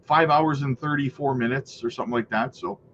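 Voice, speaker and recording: Here a male crypto streamer, congested from a cold, runs through live price charts and shouts out viewers in an upbeat tone, frequently adding "right?" and "man." His mid-range voice is brisk and a bit bright, though the recording sounds muffled with a slight hiss or hum.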